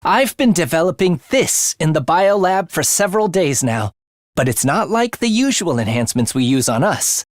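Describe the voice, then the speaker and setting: In a dry, clean studio recording, a man with a fairly high-pitched voice plays a morbid, bloodthirsty young male student scientist in an English video game. He speaks theatrically with a sinister relish for the macabre, while his mood stays cool and analytical.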